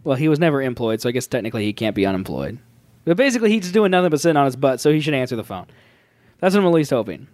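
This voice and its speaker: A man hosts a relaxed podcast chat with a lively, bouncing delivery. He jokes, rambles and laughs often. His voice is dry and close, with no room sound around it. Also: medium pitch, rapid-fire, no room sound. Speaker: podcast host. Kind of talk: casual chat.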